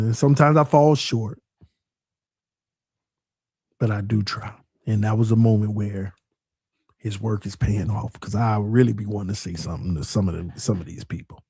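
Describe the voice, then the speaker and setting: A sports podcast host in his forties delivers a casual but preachy monologue at the mic, earnest and repetitive, building toward emphatic preaching. His male voice is lowish and darkish with a breathy edge, recorded cleanly in a studio with no echo.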